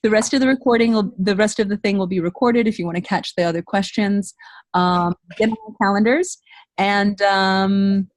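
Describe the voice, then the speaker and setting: A woman with a medium-pitched voice speaks at a moderate pace, heard in a low-quality recording with no echo. She is a voice-over coach hosting an informal online training session, giving a program overview and taking questions. Her manner is encouraging, and she likes to repeat points for emphasis.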